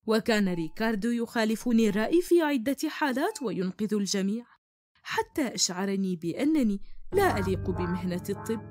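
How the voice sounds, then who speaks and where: A woman narrates a cartoon story in the first person, brisk and dramatic. Her voice is a little high. The recording is dry and close, from a studio mic. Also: a little mellow, dry recording.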